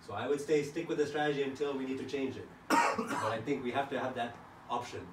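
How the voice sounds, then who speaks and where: Man, rapid speech, informal strategy talk, mid pitch, echoey room, off-mic. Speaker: team player. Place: echoey indoor room, locker room. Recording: echoey, distant mic, faint noise.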